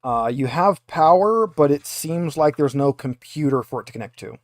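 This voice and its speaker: Serving as game master for a tabletop roleplaying game, a man with a slightly high voice speaks in an animated but halting way, as if thinking aloud. The sound is dry, with no room sound at all.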